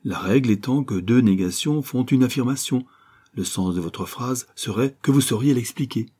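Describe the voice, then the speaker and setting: A gentle, refined young woman from a classic novel read aloud, patient and kindly corrective, as a man lifts his husky, mellow voice for her. Her tone stays earnest and composed. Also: mid-range voice, moderate pace, natural voice. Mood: explaining.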